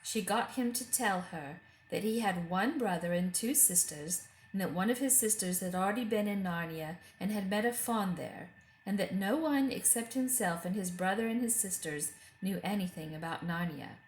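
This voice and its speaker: A woman reading a children's book aloud as an expressive storyteller. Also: mid-range voice, normal speed, slight background noise. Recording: roomy echo.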